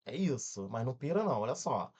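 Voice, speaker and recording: Brazilian male tutor, animated swooping delivery, punchy quick check-ins, breaks words into syllables. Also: mid-range voice, breathy edge. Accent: Brazilian Portuguese. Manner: energetic, checks in often with quick questions. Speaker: exam-prep grammar teacher. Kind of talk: online exam-prep lesson.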